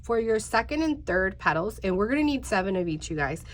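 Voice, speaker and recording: Medium-pitched with big pitch swings, this woman's voice moves at a brisk clip. She's in her thirties, slightly congested and nasal, talking straight to viewers in a chatty, filler-heavy way as she walks them through a craft tutorial step by step.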